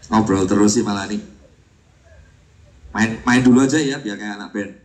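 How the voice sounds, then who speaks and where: A man's voice: on the low side, moderate pace. A man, a guitarist doing rambling, self-mocking stage banter between songs while he has a cold. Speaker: guitarist performing live. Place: live concert venue. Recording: roomy, distant live recording.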